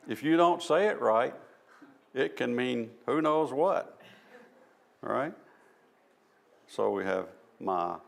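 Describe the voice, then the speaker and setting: Speaking in a church hall, this Southern American man has a medium-pitched voice that's a bit bright, with vocal fry. His informal talk walks through each step in a homespun, self-mocking manner, carried by a Southern US accent.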